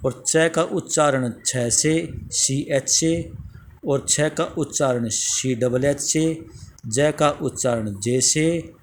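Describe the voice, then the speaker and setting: Male teacher, unhurried and methodical, recites pronunciation rules item by item for a lesson. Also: mid-range voice, slight background noise. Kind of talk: spoken language lesson.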